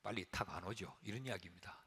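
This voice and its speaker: Male pastor, sermon, husky, dramatic whispers to shouts, long church reverb. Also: low-pitched, fast. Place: church sanctuary.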